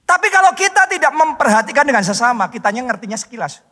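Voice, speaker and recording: Man, pastor, emphatic sermon, drawn-out key words, soft to loud, long hall reverb. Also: very high voice, sing-song. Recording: echoey hall from a distance.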